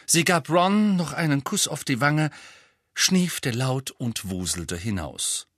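A man reading a storybook aloud as narrator, expressive and animated. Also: mid-range voice, takes it slowly, dry recording, clean studio sound. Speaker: audiobook narrator.

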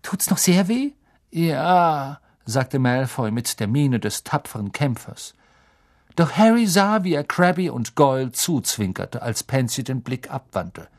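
Expressive male audiobook narrator. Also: medium pitch, measured pace. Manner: expressive storytelling delivery. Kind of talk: scripted narration.

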